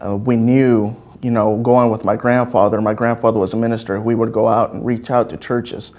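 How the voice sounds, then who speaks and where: A man's voice: lowish voice, flat delivery, moderate pace, darkish tone. A man from El Salvador reflectively telling a story from his childhood in an interview.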